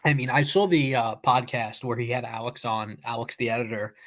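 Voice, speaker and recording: A man's voice: medium pitch, steady tone, brisk, fairly bright tone. A man co-hosting a casual podcast chat. He talks in a loose, emphatic run of thoughts, leaning on "like" and "you know" as he presses his points. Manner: talkative, emphatic, many "like" fillers. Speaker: podcast co-host.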